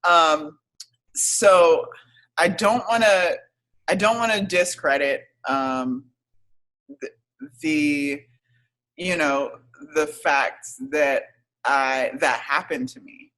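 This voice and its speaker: A woman in her thirties, a podcast guest telling her own story in a hesitant, reflective way with many pauses and fillers. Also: low voice, a bit bright, low-quality recording. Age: 30s. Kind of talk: casual interview storytelling.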